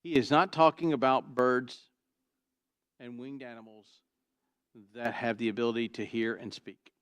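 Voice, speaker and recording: A male pastor delivers an expository sermon in a church sanctuary with a booming, trained voice that is clear, resonant and steady at a moderate pace. The sound is dry and close with no echo. He is emphatic, swinging from loud to quiet and repeating "Why?"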